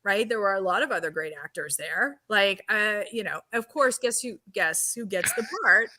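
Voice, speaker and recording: A woman, an actress guest on a podcast, telling a lively anecdote with lots of laughs and acted-out quotes. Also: medium pitch, moderate pace. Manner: animated, laughs often, acts out quotes.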